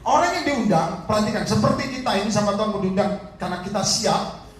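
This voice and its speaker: A man preaching a sermon as an evangelist, animated and repeatedly addressing the congregation directly. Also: high-pitched, brisk, soft background music. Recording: echoey hall from far off, faint noise.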